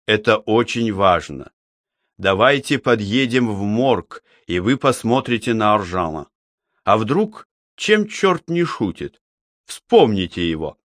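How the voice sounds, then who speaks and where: A man voicing a calm, resolute middle-aged police investigator who speaks in a measured, deliberate way in an audiobook. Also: lowish voice, no echo, clean studio sound, exaggerated voice.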